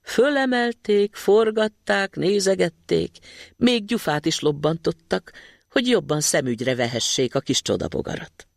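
A man narrating a fairy tale in a storybook reading, expressive and lively. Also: high-pitched, gravelly, dry recording, clean studio sound.

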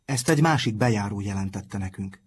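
A man's voice: fairly low pitch, animated, slightly rough. A man reading aloud and voicing an earnest, bold teenage schoolboy who takes the lead. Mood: explaining. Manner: earnest, eager.

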